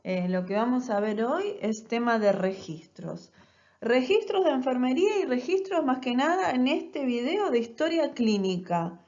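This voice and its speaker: A woman's voice: on the high side, expressive, a little slow, darkish tone, lo-fi sound. A woman teaching a recorded nursing class, explaining step by step and often checking in with rhetorical questions. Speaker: nursing lecturer.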